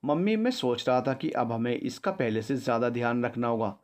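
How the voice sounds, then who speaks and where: A man voicing an anxious young husband who is about to become a father, firing off eager questions in quick bursts. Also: medium pitch, expressive, close to an everyday voice. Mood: excited worried.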